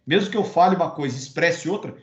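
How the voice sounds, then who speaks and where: A man's voice: a little high, expressive, close to an everyday voice. Man doing an eager student, Brazilian accent, doubting questions, echoey muffled sound. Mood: questioning. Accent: Brazilian Portuguese. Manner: quick doubting questions checking understanding. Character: curious adult student asking eager questions. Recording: roomy, dull recording.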